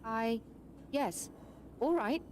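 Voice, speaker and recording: A woman's voice: a little high, expressive, drawn-out words, a little mellow, roomy sound, slight background noise. A woman playing a puzzled, skeptical doctor in a video game, with stilted, hesitant delivery that sounds like bad acting.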